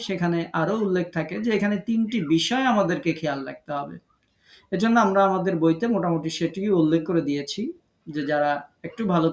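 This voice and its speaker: A man teaching Quran recitation rules in an online lesson, patiently repeating each rule and drawing out example words slowly. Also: high voice. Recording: echoey room.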